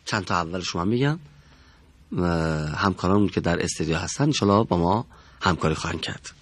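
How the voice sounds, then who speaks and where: A man teaching the pronunciation of Quranic letters in a studio, demonstrating sounds slowly and carefully. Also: deep voice, lively intonation.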